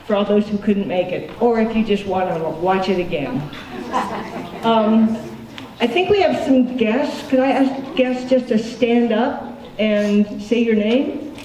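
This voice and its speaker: A woman's voice: on the high side, measured pace, distant mic, crowd noise. A woman hosting a club meeting, chatty and upbeat, with frequent ums as she thanks people and makes announcements. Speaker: branch meeting host. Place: meeting hall with audience. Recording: echoey hall, recorded from afar, audience noise.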